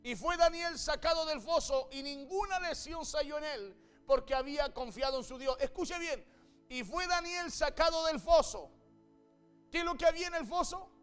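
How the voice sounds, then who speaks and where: A man preaching a sermon and reading scripture aloud. He speaks with fervor, repeats his phrases and breaks in with a quick "hey". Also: extremely high pitch, a bit bright, faint music behind.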